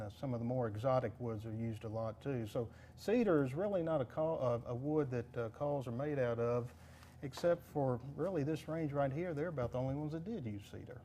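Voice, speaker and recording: A man talking casually as a collector explaining his collection, with halting speech that pauses mid-thought. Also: medium pitch, mellow. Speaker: duck call collector being interviewed. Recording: clear background noise.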